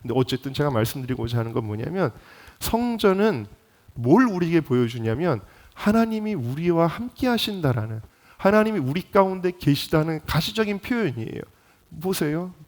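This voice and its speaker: A man's voice: on the high side, very animated, moderate pace, darkish tone. Impassioned male pastor preaching a sermon. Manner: impassioned, rising to emphatic peaks; addresses congregation directly, rhetorical questions. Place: church sanctuary.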